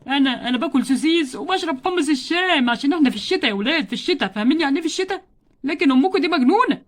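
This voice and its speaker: A woman's voice: high voice, expressive, racing. A woman with an Egyptian Arabic accent voicing a grumpy, nagging male doll husband in a toy role-play story. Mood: scolding. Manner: nagging, exasperated.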